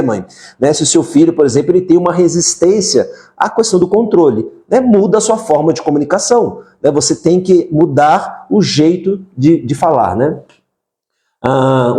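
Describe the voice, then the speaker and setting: A man's voice: on the high side, dark tone. Brazilian man coaching mothers, darkish voice. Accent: Brazilian Portuguese. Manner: conversational, frequent tag questions. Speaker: parenting coach. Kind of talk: live stream talk to mothers.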